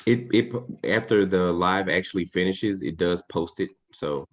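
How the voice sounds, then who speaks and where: A man's voice: deep voice, moderate pace. A man co-hosting a casual live stream, teasing and wry in his remarks. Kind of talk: casual chat. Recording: slightly dull, lo-fi sound.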